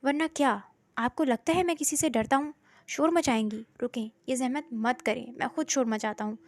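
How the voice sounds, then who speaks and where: A woman reading a storybook voicing an obsessive, lovesick young man who speaks in a stern, demanding way. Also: high-pitched. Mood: angry.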